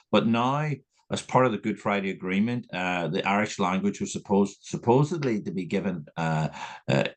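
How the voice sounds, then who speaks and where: A man co-leading an information session who explains things casually and rambles, repeating words while he searches for them. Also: lowish voice. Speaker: trip co-leader.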